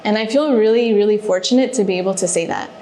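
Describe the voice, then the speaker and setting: Her voice is mid-range and warm, recorded in an echoey room with faint ambience and a little hiss or hum. She's a Spanish-first-language guest from Mexico who grew up in Alaska, a reservations manager giving casual interview answers while pausing thoughtfully with fillers.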